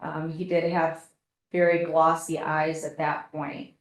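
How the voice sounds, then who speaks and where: A woman gives testimony in a courtroom recording, polite and measured in her answers. Her voice sits a little low with a flat, even delivery, and the room adds a clear echo. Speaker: paramedic witness testifying. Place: courtroom witness stand. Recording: echoey courtroom audio.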